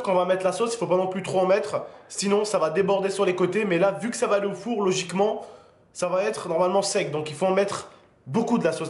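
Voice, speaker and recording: A man hosting a casual cooking demonstration, chatty and joking as he talks straight to the viewers, with a pan sizzling. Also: sits high. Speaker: cooking video host. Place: home kitchen. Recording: roomy kitchen with frying noise.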